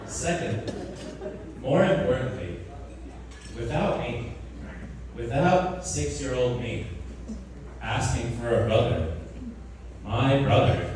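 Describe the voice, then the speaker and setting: A man giving a best man's wedding toast speech, telling jokes and stories with deliberate pauses for punchlines. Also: medium pitch, expressive. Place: large echoey room with wedding guests. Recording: echoey hall from far off, noisy.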